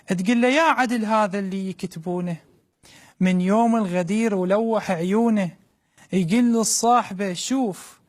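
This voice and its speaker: A man with an Iraqi Arabic accent reciting a colloquial verse dialogue with narration, declamatory and repeating lines for emphasis. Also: high-pitched. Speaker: religious reciter.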